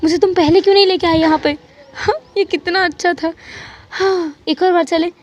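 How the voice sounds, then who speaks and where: A woman's voice: high voice, moderate pace, dull audio, lightly acted. A woman voicing a flustered young man who stammers as he denies being scared, in a storybook reading. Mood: excited. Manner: stammering, defensive. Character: flustered young man hiding his fear.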